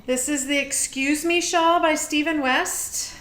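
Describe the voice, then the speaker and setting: A woman's voice: high voice, fairly even intonation, measured pace, fairly bright tone. An American woman co-hosting a podcast, chatting casually. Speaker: podcast co-host. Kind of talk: casual chat. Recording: echoey room with background noise.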